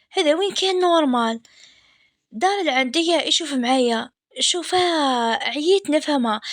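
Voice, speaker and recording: A woman with an Algerian Arabic accent narrating a first-person story in a soft, intimate way. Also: high-pitched, no room sound, studio quality.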